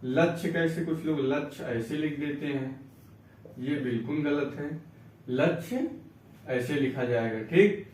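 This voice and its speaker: Man, teacher, patient, repeats words slowly, distant from mic, echoey room. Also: fairly high pitch, darkish tone. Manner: explains patiently, repeats words slowly, asks and answers his own questions. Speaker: Hindi teacher. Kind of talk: spelling and reading lesson.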